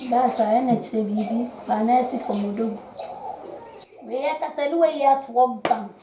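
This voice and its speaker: A woman's voice: fairly high pitch, moderate pace, roomy sound, noisy background, lightly acted. An actress with a Ghanaian accent playing a bold young woman who keeps pressing a man with demands. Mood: demanding. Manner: insistent, pressing, argumentative.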